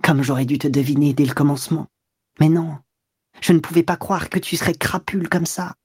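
A jilted mistress, bitter and accusing, her voice climbing high and husky as she rages, as a male reader puts her on. The reading is close and dry, with no room around it. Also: fairly quick, no echo. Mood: hurt. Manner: accusing, bitter, rising to screams. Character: furious jilted woman, mistress, shrill in rage. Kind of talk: audiobook reading.

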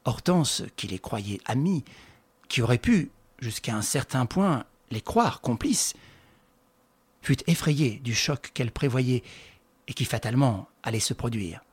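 A man narrating a novel as an audiobook in a measured, expressive manner. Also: medium pitch, slightly rough, dry recording.

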